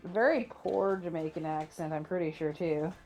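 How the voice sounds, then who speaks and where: A woman's voice: low voice, normal speed, darkish tone, lo-fi sound, faint music behind. A tired woman playing a tabletop role-playing game, making dry, joking remarks. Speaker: player. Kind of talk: casual tabletop play.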